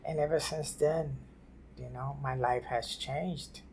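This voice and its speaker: Halting New woman, flat delivery. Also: very deep voice, gravelly, a little hiss or hum. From New York City. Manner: halting, repeats and restarts phrases. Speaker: interviewee. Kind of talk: oral history interview. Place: library office.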